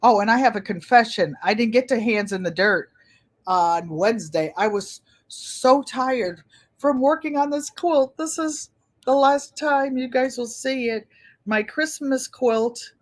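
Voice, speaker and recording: A woman in her seventies hosts a casual livestream, her gentle, pleasant voice on the high side and unhurried. She rambles as she chats, frequently repeating her phrases.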